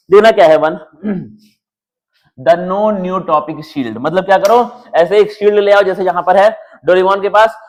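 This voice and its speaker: A young man teaching board exam strategy in a casual, chatty way, slowly reading English lines off slides. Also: sits high. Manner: casual, addresses students as bhai and yaar.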